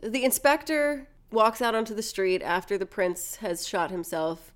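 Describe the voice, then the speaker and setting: A woman's voice: mid-range voice, animated, normal speed. A woman in casual chat, animatedly retelling a film plot, acting out the characters' lines and swearing now and then. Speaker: podcast host retelling a film.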